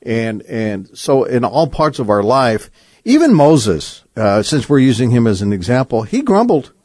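Mid-pitched male radio host, halting. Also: sing-song, darkish tone, no room sound. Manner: conversational, halting, with many fillers.

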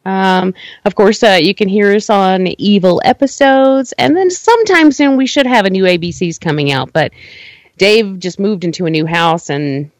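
A woman's voice: mid-range voice, animated, normal speed, no room sound. A woman guest on a podcast, chatting casually about her shows and laughing easily. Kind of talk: casual chat.

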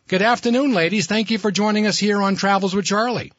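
A male radio host with a fairly high voice talks conversationally, restarting phrases as he goes. The studio sound is dry and slightly dull. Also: quick pace, a bit bright, no echo. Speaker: radio talk show host. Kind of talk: live radio hosting, sponsor reads and interviewing.

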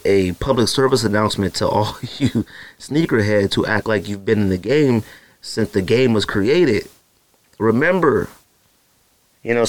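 A medium-pitched male voice with no room sound. He's a married adult hosting his own podcast solo, rambling casually with lots of "you know" fillers, and his voice jumps up whenever he makes a point.

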